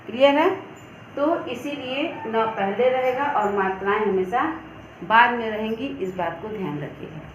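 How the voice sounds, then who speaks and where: Slow, patient woman teaching children. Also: mid-range voice, slight background noise. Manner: patient, slow, drawn-out syllable-by-syllable sounding. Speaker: school Hindi teacher. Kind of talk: online classroom lesson for children. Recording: echoey room with faint background ambience.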